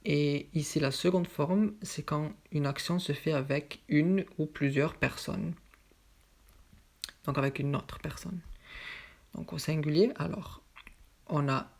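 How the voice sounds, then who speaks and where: A French teacher working through a grammar lesson at an unhurried pace. The voice has a gravelly, fry-tinged edge. Example sentences are repeated patiently, one at a time. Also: medium pitch, darkish tone. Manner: slow, patient drilling of examples.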